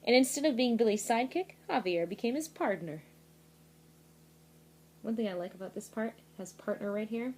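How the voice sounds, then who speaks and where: A woman teacher reading a picture book aloud to her students, expressive, pausing to explain words. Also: fairly high pitch, slight background noise.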